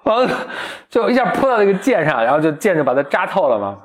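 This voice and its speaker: A podcast co-host retells a story casually and with animation, laughing often and voicing the characters. His voice sits high and he talks quickly.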